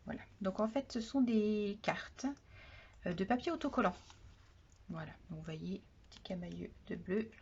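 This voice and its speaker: Chatty craft vlogger, woman, mid-pitched, soft-spoken, lo-fi recording with a faint hiss. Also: normal speed, gravelly, husky. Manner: soft-spoken, often trails off quietly; chatty, repeats "voilà" often. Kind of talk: product haul demonstration. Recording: dull lo-fi sound with faint noise.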